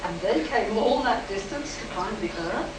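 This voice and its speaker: An actress playing a skeptical, clinical army psychiatrist in a live sci-fi radio play, questioning with authority. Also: female voice, mid-range voice, lively intonation, normal speed, lightly acted. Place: live performance in a room at a convention. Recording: roomy, distant, noisy live convention stage recording.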